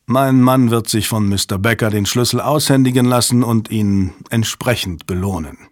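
A male audiobook reader voicing a hurried American conspirator who speaks calmly about killing. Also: fairly low pitch, no room sound, clean studio sound, close to an everyday voice. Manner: rushed, calmly threatening.

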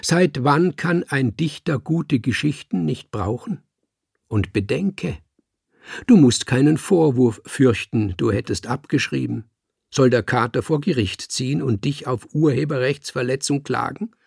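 Brief: composed, cunning French tomcat, a male reader voicing him, husky, measured. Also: mid-range voice, no echo, studio quality, pitched above the performer's own voice. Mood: persuasive. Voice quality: calm, smug, salesman-like. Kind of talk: audiobook character voice.

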